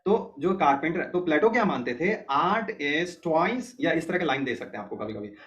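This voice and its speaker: Higher-voiced man teaching an online class. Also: big pitch swings, quick pace, muffled recording. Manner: explains step by step, keeps checking students follow.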